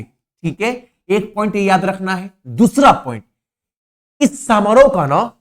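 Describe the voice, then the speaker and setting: A man teaching a current affairs lesson for exam students, stressing and repeating key points and answering his own questions, with informal asides. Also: sits high.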